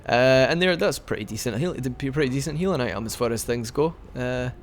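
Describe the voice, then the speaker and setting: Against slight background noise, a young man talks fast in a medium-pitched voice while commentating on his game. He's a casual, rambling let's play commentator who often restarts sentences and hiccups now and then.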